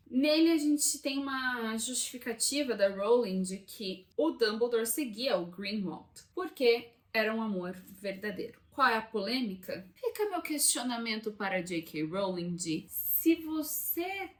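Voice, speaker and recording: A young Brazilian woman talks to her camera about books in a relaxed, chatty way, with a voice sitting a little high. She recorded it indoors beside a window and often drops side remarks to the viewers. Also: moderate pace, hardly any pauses. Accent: Brazilian Portuguese. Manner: chatty, conversational, asides to viewers. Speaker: book channel host. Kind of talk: casual talking-head vlog. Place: room by a window.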